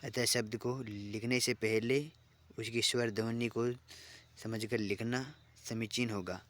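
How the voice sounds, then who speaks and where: Slow, flat-voiced male teacher. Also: lowish voice. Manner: slow, even, reading out word lists; repeats and restarts phrases while explaining. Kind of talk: online exam-prep lesson.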